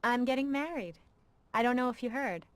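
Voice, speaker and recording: A woman's voice: a little high, a little fast, no echo, natural voice. An actress playing a guarded young woman, the hero's old flame, in a video game. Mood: guarded, wry.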